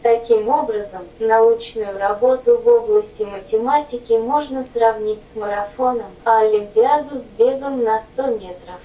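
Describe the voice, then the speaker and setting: A female text-to-speech robot voice reading autobiographical notes in an even, mechanical way. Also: fairly high pitch, moderate pace, hardly any pauses, roomy sound, distant mic, phone-quality sound.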